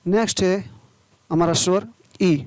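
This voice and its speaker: A man from India with a high, darkish voice teaches English pronunciation at a measured pace and steady tone, with no echo. He spells words letter by letter, drawing each sound out, then poses questions and answers them himself.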